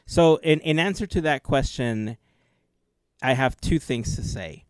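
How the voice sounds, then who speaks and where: During a relaxed podcast conversation, this man, a co-host and gameplay video creator, describes his time with games in earnest detail. He speaks at medium pitch with lively intonation and a measured pace, his voice smooth on a dry recording.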